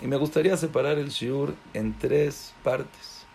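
A man leads a Torah class in an unhurried, deliberate way. His gravelly voice keeps swinging from quiet asides to loud, emphatic exclamations, and he scatters Hebrew religious terms throughout. A faint hiss sits under the recording. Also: mid-range voice. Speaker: Torah teacher.

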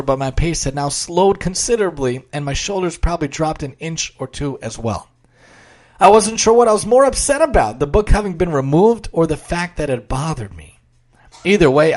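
A man giving a religious talk, telling a story aloud in an expressive, dramatic way. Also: fairly high pitch, fairly quick. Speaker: religious speaker. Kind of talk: sermon with a story read aloud.

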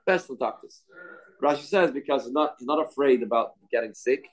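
Man, mid-pitched voice, informal religious teaching, reads then explains, repetitive phrasing, rhetorical questions. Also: a little fast. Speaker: Torah teacher. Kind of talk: informal religious lesson, reading a text and explaining it.

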